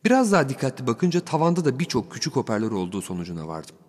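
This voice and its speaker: Male narrator for a first-person audiobook, wry and animated, long hall reverb. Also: mid-range voice, very fast.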